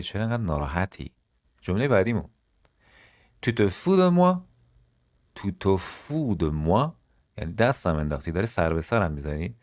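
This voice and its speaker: Deep-voiced man teaching French, slow drills. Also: no room sound, studio quality. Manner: slow, exaggerated model sentences between fast explanations. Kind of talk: language lesson.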